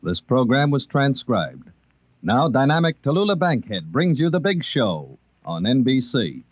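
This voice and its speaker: A man's voice: mid-range voice, big pitch swings, measured pace, highs cut off. A man announcing a radio show in formal 1950s style, heard off an old broadcast disc transcription. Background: theme music.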